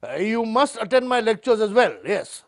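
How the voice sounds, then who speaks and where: Comic spokesman: self-important writer, extremely high male voice, pompous sketch-interview delivery. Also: expressive, gravelly. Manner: pompous, deliberate, self-promoting. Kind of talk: comedy sketch mock interview.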